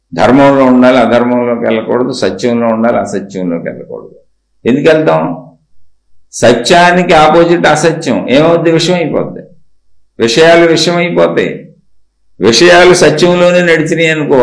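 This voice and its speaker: A man's voice: mid-range voice, creaky. A man giving a spiritual discourse, exhorting his listeners and asking and answering his own rhetorical questions. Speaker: spiritual teacher. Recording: echoey room.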